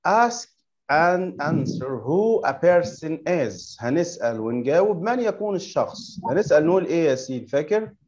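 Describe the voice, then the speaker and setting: A man with an Egyptian Arabic accent teaching English to young pupils in an online class, patiently correcting them and repeating words slowly for them to echo. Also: on the high side, sing-song, darkish tone, lo-fi sound. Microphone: video call.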